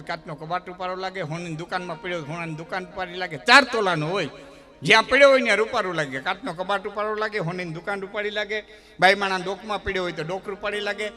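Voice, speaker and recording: A man telling folk stories at a live dayro program, using rhythmic repetition that builds into loud declamations. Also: high voice. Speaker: folk storyteller.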